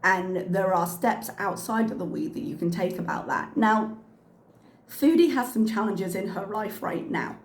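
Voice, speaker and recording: Hosting her reaction commentary channel, a woman talks candidly and says "um" often, her voice slightly strained from a cough. She has a medium pitch, lively intonation and a measured pace, recorded in an echoey room with faint ambience.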